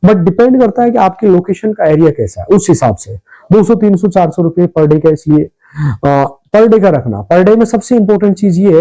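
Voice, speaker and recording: A man hosting a business ideas channel, giving casual advice in a rapid, repetitive way and calling his viewers brother. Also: on the high side, warm tone, rough recording. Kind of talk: casual advice talk to camera.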